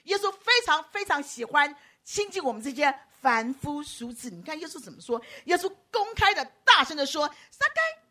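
A woman preacher, giving a lively sermon, teasing her listeners by name and acting out quoted voices. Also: sits high, fairly quick, few pauses. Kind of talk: lively sermon with audience banter.

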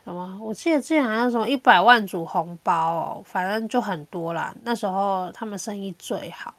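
A woman with a Taiwanese Mandarin accent, chatting casually as a podcast host and telling things in an animated, colloquial way. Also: medium pitch, moderate pace, no room sound. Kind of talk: casual chat.

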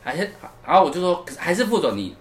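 A man's voice: high voice, big pitch swings, very fast, slight background noise. A man telling a work anecdote in casual podcast chat, acting out what each person said. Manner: storytelling, acts out quoted dialogue.

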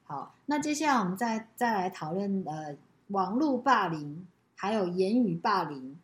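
A woman's voice: mid-range voice, lively intonation, measured pace. A middle-aged woman co-hosting a casual podcast chat, often finishing the other speaker's sentences and summing up the point. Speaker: podcast co-host, parent.

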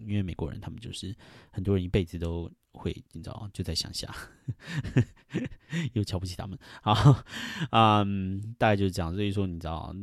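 A middle-aged man rambles through a casual solo podcast with plenty of fillers and little chuckles. His voice sits very low. The sound is dry and close, with no room around it. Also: a little mellow, no room sound. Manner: rambling, chuckling, with many fillers and mimicked quotes. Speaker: podcast host.

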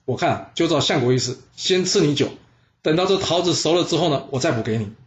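A man doing a vain, excitable old duke. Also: a little high, fast, natural voice. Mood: excited. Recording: dull lo-fi sound.

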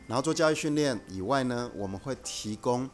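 A man who is a guest executive on a podcast, explaining his company's approach in a measured, earnest way. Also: medium pitch, expressive, music in the background. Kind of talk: casual podcast conversation.

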